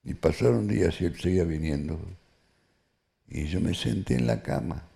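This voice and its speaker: An older man gives halting personal testimony, full of restarts and quoted lines. His voice sits very low and carries a gravelly fry. The tone is dark and mellow. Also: expressive. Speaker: Holocaust survivor giving testimony.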